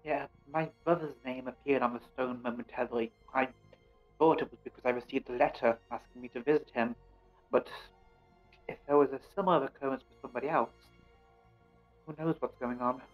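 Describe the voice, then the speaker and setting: A man playing a tabletop game, speaking in character with formal, measured phrasing. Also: medium pitch, fairly even intonation, lo-fi sound, soft background music. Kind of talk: in-character role-play.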